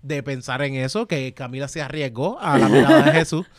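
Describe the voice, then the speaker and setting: A man with a Puerto Rican accent hosting a casual podcast from a studio, talking loudly and animatedly and swearing freely. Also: mid-range voice, expressive, a little fast. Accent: Puerto Rican Spanish. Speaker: podcast host.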